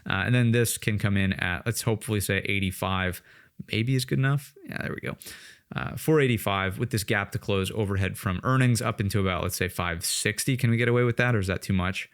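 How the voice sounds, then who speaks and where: A man's voice: on the low side, fairly quick, clean tone. A man talking through stock charts on a screen share, conversational, with lots of fillers and "right?" check-ins. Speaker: trading educator. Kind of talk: screen-share market analysis.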